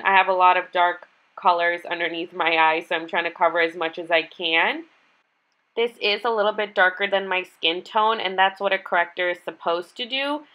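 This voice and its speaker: A woman's voice: medium pitch, highs cut off. A woman in her twenties with a stuffed-up, nasal whine from being sick, giving a casual makeup tutorial. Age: 20s. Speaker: beauty vlogger. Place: small bedroom, indoors.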